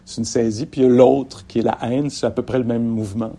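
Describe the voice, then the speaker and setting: His mid-range voice moves fast with fairly even intonation as this middle-aged mindfulness meditation teacher talks dharma to an audience. Warm-humored, he laughs often and loses his thread, then picks it back up.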